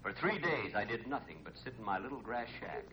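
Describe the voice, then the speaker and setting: An actor playing a castaway who narrates his island adventure in a deadpan radio comedy style. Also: mid-range voice, brisk, crowd noise, lightly acted. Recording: muffled old radio, loud audience.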